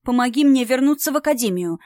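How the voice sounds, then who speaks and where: A woman's voice: sits high, animated, fast, darkish tone, no room sound, studio quality, pitched above the performer's own voice. A woman voicing a distraught young woman who pleads through sobs. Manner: sobbing, pleading.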